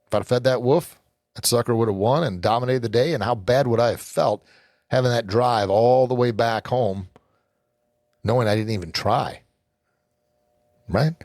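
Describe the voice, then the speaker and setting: A man's voice: mid-range voice, normal speed, pauses often, a little mellow, no room sound, studio quality. A middle-aged man hosting a motivational podcast, speaking earnestly, rambling and often repeating words as he starts a sentence. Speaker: podcast host and hockey coach.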